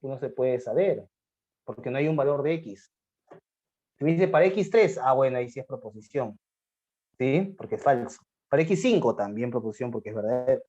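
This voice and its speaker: A man teaches a math lesson in a mellow, dark voice. He takes on his students' questions and answers them, often slowing to a dictation pace. The recording is dull and lo-fi. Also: mid-range voice, expressive. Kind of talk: classroom lecture on logic. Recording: dull lo-fi sound.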